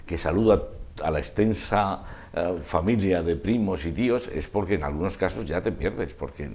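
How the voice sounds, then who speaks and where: Older man, very deep voice, reminiscing haltingly. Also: a little mellow. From Spain. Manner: discursive, halting, trailing off mid-thought. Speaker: interview guest, festival proclamation speaker. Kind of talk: reminiscing in a relaxed interview.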